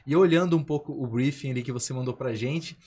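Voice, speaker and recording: A man's voice: mid-range voice, fast talker, darkish tone, breathy edge. Male podcast host, mid voice, friendly and conversational. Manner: upbeat, conversational, with tag questions. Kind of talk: casual podcast hosting.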